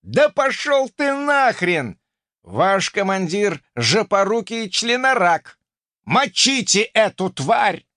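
A man reading an audiobook voices a foul-mouthed male enemy commander who growls and shouts in drawn-out phrases. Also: a little high, animated, no echo, studio quality. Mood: angry shouting.

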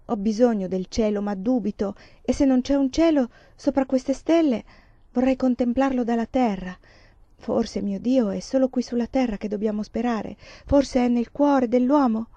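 A mournful young woman torn by doubt and longing for death, read by a woman narrator. The tone is mellow and soft-edged, and the sound is dry and a little dull. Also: a little high, no echo.

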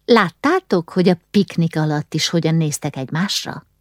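A woman's voice: low voice, dry recording, clean studio sound, close to an everyday voice. A woman voicing an eager, scheming young noble girl who talks persuasively, in an audiobook reading.

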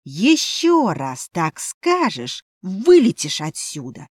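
A sleepy, exasperated young heroine, as a woman reader plays her. She sounds bewildered and indignant, and her pitch leaps about in lively questions. The voice is close and dry. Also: slow pace, breathy edge, dry recording, heavily acted. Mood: stern.

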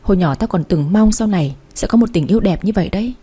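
A woman's voice: medium pitch, lively intonation, quick pace, warm tone, breathy edge. A woman reading the part of a blunt, loyal young woman who talks to her friend frankly and teasingly. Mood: sorrowful. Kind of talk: audiobook character reading.

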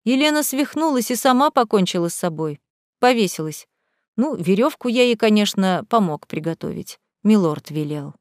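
A woman reading an audiobook, voicing a cold, contemptuous middle-aged male butler who speaks slowly and wearily. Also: medium pitch, expressive, no room sound, studio quality, lightly acted. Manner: slow, contemptuous, weary.

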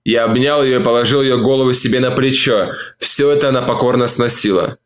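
A man with a medium-pitched voice reads a novel aloud as an audiobook. He narrates in the first person at a calm, measured pace.

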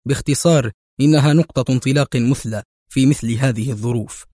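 Determined agent hero, firm steady delivery, dry close sound, read by a man. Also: mid-range voice, fast talker, dry recording, natural voice. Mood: resolute. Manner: firm, resolute.

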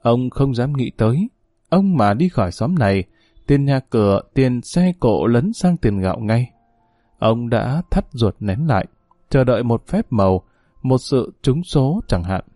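A male narrator reads a novel in a measured, emotive way. His voice is mellow and dark, with a lively, wide pitch range. The recording is dry, with soft music underneath. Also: no echo.

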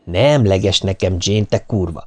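A man reading an audiobook, voicing a chained, cowardly man who screams drawn-out curses. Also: low-pitched, mellow. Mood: raging.

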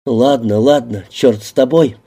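A man voicing a defiant, frightened young woman in an audiobook reading, with sharp, indignant retorts. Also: medium pitch, a little slow, breathy edge. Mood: alarmed.

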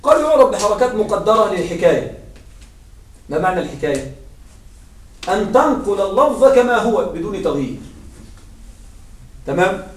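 A high-pitched man teaches a grammar lesson, working through each point slowly and stopping to ask his students whether they follow. He is recorded from some distance in a roomy, echoing space. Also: very animated. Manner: explains step by step, often checks with students. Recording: echoey room, mic far off.

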